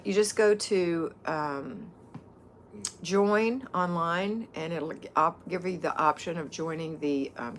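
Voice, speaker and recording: A woman's voice: deep voice, a little hiss or hum. A woman hosting a live viewer Q&A, chatting casually and rambling with frequent ums and restarts. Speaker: livestream host answering viewer questions.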